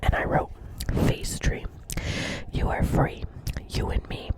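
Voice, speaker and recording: This slow, whispered role-play presents a doctor's office receptionist with a New Jersey accent who is both chatty and dreamy. Rambling earnestly, she repeats phrases and frequently checks in with the listener.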